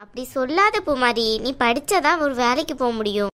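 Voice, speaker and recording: A headstrong working young woman in a cartoon, voiced by a woman, speaks high and bright. She argues bluntly and will not give in. Her tone stays firm and quick to push back. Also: very animated, a little hiss or hum. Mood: arguing. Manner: argumentative, blunt. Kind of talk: cartoon dialogue.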